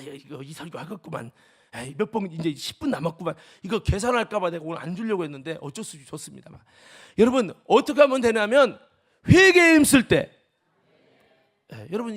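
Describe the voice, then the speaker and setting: A male pastor preaching a sermon, telling a story and building up to impassioned, rising cries. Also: high voice.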